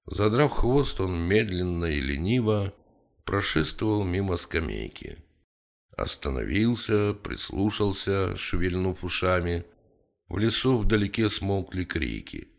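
A man narrating an audiobook in an even, measured storytelling manner. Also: deep voice, vocal fry. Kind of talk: scripted narration.

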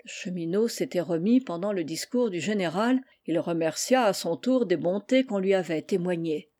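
Woman reading a classic novel, mellow. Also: on the low side, expressive, moderate pace. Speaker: reader. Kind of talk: audiobook narration.

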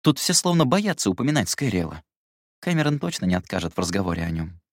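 A man's voice: deep voice, sing-song, fast, no echo. A stubborn young man, as a male reader acts him out, pushes back in a raised, snappy voice. Each answer is a challenge. The recording is dry and close. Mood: guarded, stubborn.

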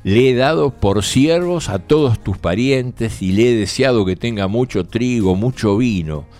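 A man voicing an old, nearly blind father who speaks slow, solemn blessings to his son. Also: mid-range voice, animated, darkish tone, soft background music, close to an everyday voice.

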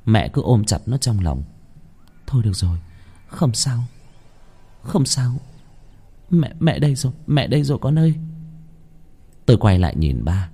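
A man's voice: lowish voice, warm tone, slightly rough. A man narrating a ghost story in a dramatic, suspenseful manner.

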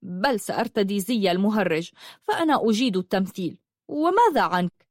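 A woman voicing a playful, teasing man from a traveling troupe, speaking quickly. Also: medium pitch, expressive, dry recording, clean studio sound, natural voice.

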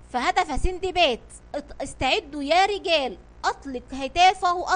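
A woman narrating a children's audio story in an expressive read-aloud manner. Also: high-pitched.

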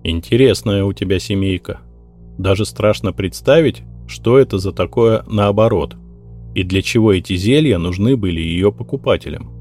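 A man's voice: lowish voice, moderate pace, darkish tone, soft background music. A man voicing a cold, threatening young male mage who speaks in a clipped, commanding way. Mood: menacing.

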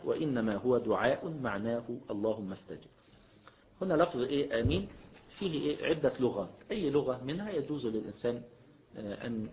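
A man with an Egyptian accent teaching a religious lesson as a sheikh, mixing classical and colloquial Arabic and often prompting listeners with a questioning "what?". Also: mid-range voice. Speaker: sheikh teaching Islamic jurisprudence. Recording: dull lo-fi lecture recording.

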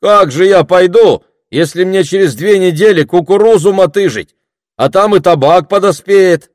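A man voicing a worried male peasant farmer who exclaims loudly. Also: high voice, moderate pace, no echo, studio quality, pitched above the performer's own voice, lightly acted. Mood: fretful.

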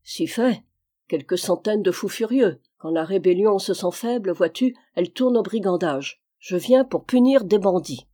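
A woman's voice: mid-range voice, animated, normal speed, dark tone, natural voice. A woman reading the part of a frank, cheerful young army captain in an audiobook.

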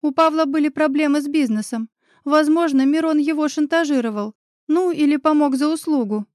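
A woman reading an audiobook gives a character voice to a lively, caring young woman friend who talks briskly and decisively. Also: sits high, no echo, clean studio sound, voice pushed up, close to an everyday voice. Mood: firm.

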